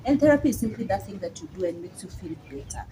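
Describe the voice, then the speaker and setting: A woman's voice: medium pitch, very animated, quick pace, background noise. A woman with a Kenyan accent explaining things in casual conversation as a psychologist, with emphatic repetition. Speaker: psychologist guest.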